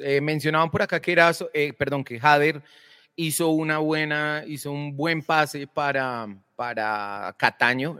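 A man's voice: mid-range voice, fairly bright tone, big-room sound. A man hosting a football talk show, speaking casually and hesitantly with many fillers. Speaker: sports show host.

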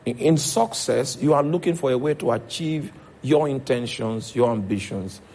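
A man's voice: mid-range voice, moderate pace, a little mellow. A man with a Nigerian accent preaching a sermon as pastor, checking in with his congregation as he goes.

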